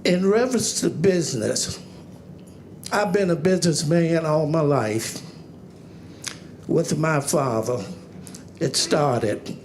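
A man speaking as a new councilman, giving a plain-spoken public speech in short, halting phrases. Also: a little high, a little mellow, a little hiss or hum. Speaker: newly sworn city councilman.

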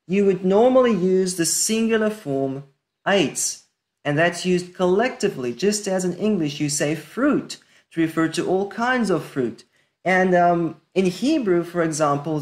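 Woman Bible teacher, slow and deliberate, reads Hebrew and explains each word calmly in a lowish voice. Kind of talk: screen-share scripture lesson.

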